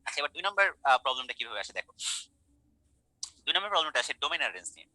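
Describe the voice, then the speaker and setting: A man's voice: mid-range voice, big pitch swings, rapid-fire, bright, forceful tone, no room sound, low-quality recording. A young man teaching math in an online class, speaking colloquially, coaxing and quizzing his students.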